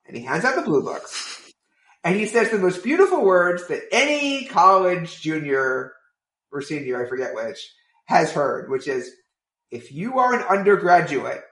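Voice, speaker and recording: A man telling a long anecdote as a podcast guest, rambling and filling pauses with "like" and "right?". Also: high voice, echoey room. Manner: animated, rambling, many fillers like "right?". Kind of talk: casual storytelling.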